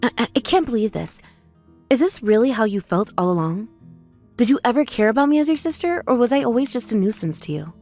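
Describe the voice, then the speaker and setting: Woman acting as hurt young sister in a family drama, earnest, very animated pitch, music behind her. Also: a little fast. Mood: wounded, pleading. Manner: earnest, wounded, emphatic. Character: hurt, loyal young sister, high school dropout. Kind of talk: dramatized family-conflict story dialogue.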